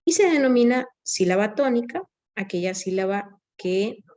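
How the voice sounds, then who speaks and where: A woman lecturing on grammar and spelling rules. Her voice sits at a middle pitch, and she explains things step by step. She often tags her points with short questions and fixes small slips mid-sentence. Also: animated, normal speed, a little mellow. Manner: explanatory, frequent tag questions and self-corrections. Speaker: teacher. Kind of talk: recorded online lecture.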